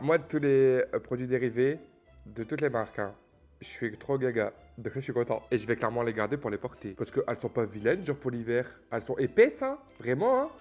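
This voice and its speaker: In a mid-range, slightly mellow voice, a man jokes and plays around while chatting casually with his viewers. He's a YouTuber unboxing gifts from advent calendars.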